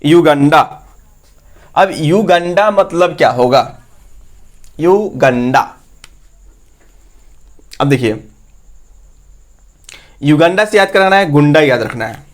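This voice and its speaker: A male teacher runs an exam-prep lesson in a fairly high voice. He keeps quizzing his listeners with the same questions and then answers them himself. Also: expressive, takes it slowly, pauses often.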